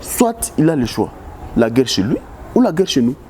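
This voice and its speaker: Impassioned Congolese man with a mellow voice. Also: medium pitch, very animated, normal speed, a little hiss or hum. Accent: Congolese French. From Democratic Republic of the Congo. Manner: impassioned, repetitive restarts. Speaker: political analyst guest. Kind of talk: interview answers.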